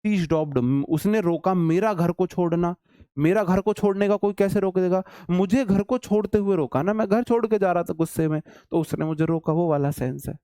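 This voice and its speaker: A man's voice: high voice, normal speed, mellow, smooth, no echo, clean studio sound. A man with a Hindi accent teaching an online English class, chatty and teasing his students. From India.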